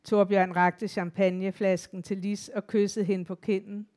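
A woman narrating a literary audiobook in an even, measured storytelling voice. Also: medium pitch.

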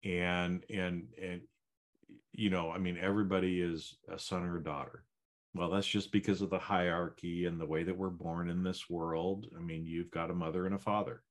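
Very low-voiced man chatting casually. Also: little pitch movement, normal speed. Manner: rambling, many fillers and restarts. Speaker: podcast co-host. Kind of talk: casual chat.

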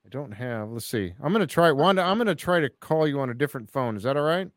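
A man's voice: mid-range voice, animated, quick pace, a bit bright, no echo. A man hosting a casual radio chat, easygoing and chuckling while fiddling with his equipment. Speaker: radio show host.

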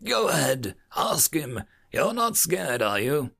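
A man doing a gruff furry alien captain. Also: fairly high pitch, very animated, slow, sharp tone, faint music behind, pitched above the performer's own voice, exaggerated voice. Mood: teasing. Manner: barking, commanding.

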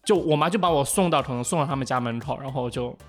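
A man co-hosting a casual podcast chat, telling a childhood story in animated, halting fashion with many restarts. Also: medium pitch, soft background music. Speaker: podcast co-host.

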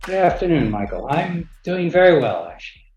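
A man giving reflective interview answers in a measured way, pausing mid-thought. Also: on the high side, big pitch swings, a little mellow, faint music behind. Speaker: interview guest, architect. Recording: roomy, dull lo-fi internet call.

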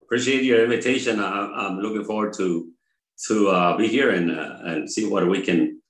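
An older man from Mexico, a pastor, talking in an interview in a halting way with many pauses and fillers. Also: lowish voice. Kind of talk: conversational interview. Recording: roomy echo.

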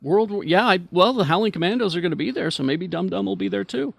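A man hosts a casual panel chat in a somewhat high voice with noticeable fry. He speaks haltingly, and the sound is close and dry. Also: lively intonation, no room sound. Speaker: podcast host.

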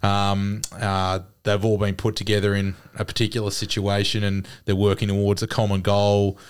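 A man's voice: on the low side, monotone, moderate pace, clear, resonant tone. An Australian man hosting a sports podcast, giving his opinions in casual chat.

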